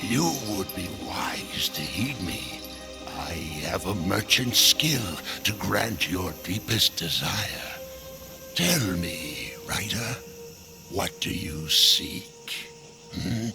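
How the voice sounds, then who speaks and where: A creaky, low male voice performs a theatrical undead merchant, the sly last of a burned race, in an animated, exaggerated video game cutscene. Sly and amused, he speaks unhurriedly and knowingly, sighing and chuckling over loud music.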